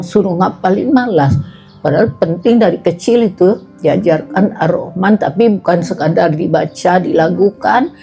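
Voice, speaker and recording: As a religious study speaker, a woman gives a casual, homely, colloquial talk, hammering her points home by repeating little fillers like "nah" and "tuh." Her medium-pitched voice is mellow and slightly rough.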